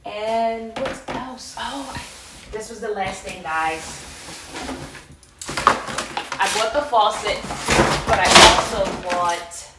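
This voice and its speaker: Taking it slowly and pausing often, this vlogger, an American in her thirties, gives a playful, chatty, casual unboxing in a carpeted living room with a mid-range voice. She's recorded by a camera a few meters off, producing an echoey, distant sound with loud handling clatter.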